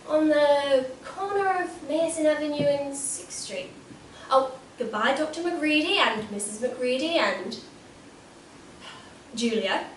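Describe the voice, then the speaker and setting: A woman's voice: high-pitched, a bit bright, a little hiss or hum. A teen girl playing a wistful fragile young woman. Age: teenage. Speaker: school play actress. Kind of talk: stage acting. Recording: echoey school stage from far off.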